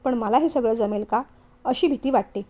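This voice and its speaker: An outspoken young bride-to-be, frank and uneasy, from an audio novel, read out by a woman. her voice sits high and light. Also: moderate pace, warm tone, natural voice. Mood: worried. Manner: worried, frank.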